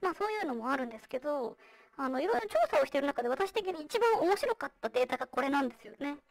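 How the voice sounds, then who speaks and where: A presenter speaks in a high feminine voice run through a voice changer, with a synthetic, vocoder-like girlish tone. The delivery is quick and very animated, explaining slides conversationally. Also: creaky, recorded from a distance. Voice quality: high, girlish, electronically processed. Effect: voice changer, processed into a high feminine voice. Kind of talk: presenting survey results with slides. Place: online virtual-reality venue.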